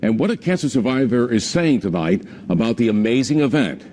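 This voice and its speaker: An American man anchoring a live evening newscast, reading in a halting way and stumbling over his script. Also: medium pitch, sing-song. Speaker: news anchor. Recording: loud background noise.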